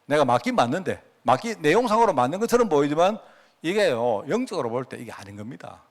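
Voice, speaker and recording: A middle-aged Korean pastor with a Gyeongsang accent gives a sermon in a chatty, homespun style. He keeps turning to his listeners for agreement. His fairly high voice swings widely up and down. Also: sing-song, fast talker. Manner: conversational, folksy, asks the congregation for agreement.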